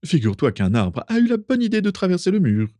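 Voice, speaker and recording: A man's voice: on the low side, very animated, moderate pace, dark tone, breathy edge, dry recording, studio quality. A man reading a storybook and voicing a cheerful older man who stays unfailingly amiable. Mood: jovial. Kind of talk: audiobook reading.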